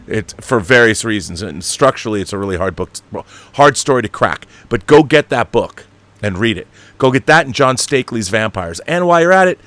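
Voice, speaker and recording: A middle-aged American man hosts a relaxed film and book livestream, answering viewers with emphatic opinions, plenty of profanity and rambling digressions. His medium-pitched voice swings widely in pitch, runs a little fast and slightly bright, with no room sound.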